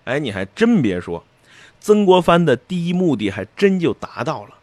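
A man's voice: a little high, very animated, moderate pace, darkish tone, no echo. A man giving a colloquial, jokey storytelling history lecture.

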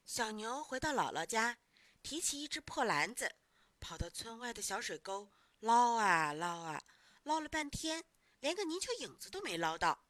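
A woman tells a children's bedtime story in a warm, coaxing way. Her bright voice rises and falls with animation. It is recorded close and dry. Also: on the high side, very animated, moderate pace, no room sound.

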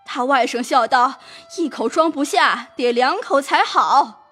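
A woman's voice: high-pitched, unhurried, fairly bright tone, faint music behind. A woman playing a servant woman who pleads with her mistress and tells a long sad story. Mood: pleading. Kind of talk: audio drama acting.

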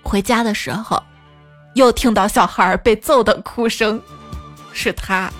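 A woman's voice: mid-range voice, a little slow, no room sound, soft background music. A woman host telling comic stories, playful and laughing often as she acts out the people in them. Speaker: podcast host. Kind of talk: comedic joke storytelling.

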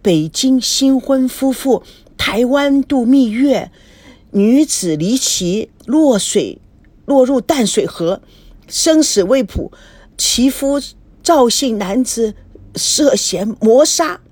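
A woman's voice: fairly high pitch, expressive, slow pace, darkish tone, no room sound, pitched above the performer's own voice. A woman doing a flustered middle-aged son. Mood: panicked urgent. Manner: flustered, urgent.

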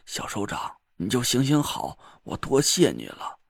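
A man's voice: wildly swooping pitch, measured pace, no echo, exaggerated voice. A man voicing an elderly grandfather with a dry, cracked voice who pleads and weeps. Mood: pleading. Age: older. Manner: begging, breathy and low. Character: frail old grandfather, pleading and tearful.

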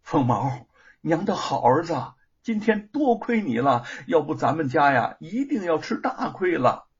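A man's voice: on the high side, sing-song, a little slow, slightly rough, highs cut off, heavily acted. A male storyteller voicing a bold, loving mother, firm and scornful toward her enemies, in a storytelling performance. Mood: tender.

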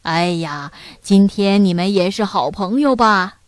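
A woman voicing a lonely, generous old grandfather who speaks gently and cheerfully in a children's story. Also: medium pitch, a little slow, no echo, lightly acted. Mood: gentle.

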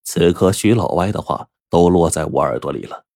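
A man narrating a first-person story for an audiobook in a colloquial, animated way. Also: sits low, normal speed, gravelly, no room sound, clean studio sound.

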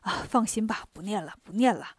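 A gentle, soft-hearted male monk master, acted out by a woman narrator in a children's storybook. He talks softly and low, in a mild way. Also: big pitch swings, brisk, no room sound, studio quality.

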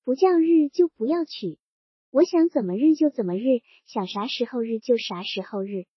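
Woman doing a petulant hot-tempered young man, husky, dry close recording. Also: on the high side, expressive, moderate pace, dry recording. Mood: angry. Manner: angry and petulant. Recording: dull lo-fi recording.

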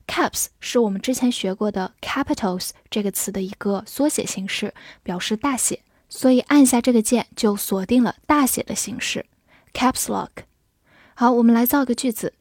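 A woman teaching English vocabulary, who spells words letter by letter and reads example sentences slowly. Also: on the high side, darkish tone, husky, no echo, studio quality. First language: Chinese. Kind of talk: slow, clear vocabulary lesson.

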